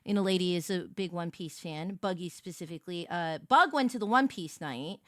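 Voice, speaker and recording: A woman hosting a casual livestream, talking in an animated, slangy way with plenty of swearing. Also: on the low side, fairly quick, no room sound, studio quality. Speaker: VTuber streamer and host with a 1950s diner waitress persona.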